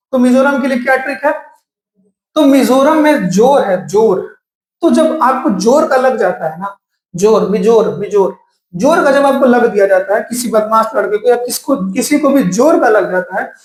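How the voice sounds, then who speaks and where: A male coaching teacher giving a mnemonic exam lesson, slowly repeating and drilling lists. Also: very high-pitched. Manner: repetitive drilling of lists, slow emphatic recaps. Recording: echoey room.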